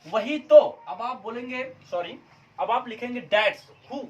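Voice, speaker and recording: A man's voice: extremely high pitch, takes it slowly, a bit bright, dull audio. A male English teacher giving a video lecture in mixed Hindi and English, chatty, often checking in with his viewers and drilling example sentences aloud. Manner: chatty, repeats "guys" and "ठीक है?" as check-ins.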